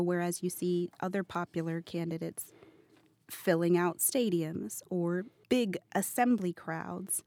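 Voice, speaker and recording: A young woman reporter giving a quick, fluent account of her field reporting in a casual chat. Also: lowish voice, a little mellow, no room sound, clean studio sound. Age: young adult. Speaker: news reporter.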